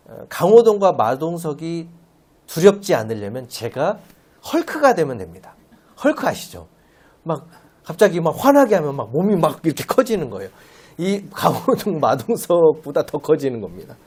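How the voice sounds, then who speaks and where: Man, lay preacher, Sunday sermon, playful, expressive up-and-down pitch, rhetorical questions. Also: breathy edge. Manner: animated, asks the congregation rhetorical questions; playful, uses everyday comparisons.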